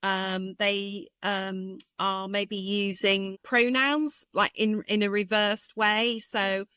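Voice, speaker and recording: A woman speech therapist, a guest in an interview, explaining carefully and thoughtfully with frequent pauses and fillers. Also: mid-range voice, steady tone, sharp tone, smooth, dry recording. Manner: thoughtful, hesitant with many fillers.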